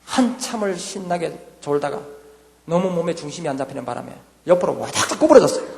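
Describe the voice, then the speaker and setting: Older man, Gyeongsang accent, high fast voice, church testimony, echoey hall. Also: creaky, slight background noise. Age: 60s. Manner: lively storytelling, acts out voices of himself and his wife. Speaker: church deacon giving testimony.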